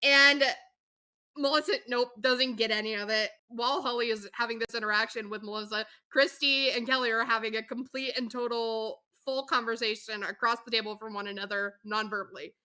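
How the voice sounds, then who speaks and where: A woman co-hosting a podcast in a chatty, animated tone, full of asides. Her voice sits a little high and rings bright and forceful. She talks with plenty of fillers. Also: fairly quick, clean tone. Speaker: podcast co-host. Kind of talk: casual chat recapping a reality show.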